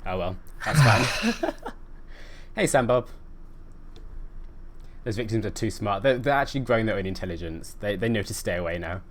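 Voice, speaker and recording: A man's voice: lowish voice, normal speed, pauses often. A man streaming a bus simulator game. He chats casually, teases, and laughs often. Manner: jokey, laughs often, teasing.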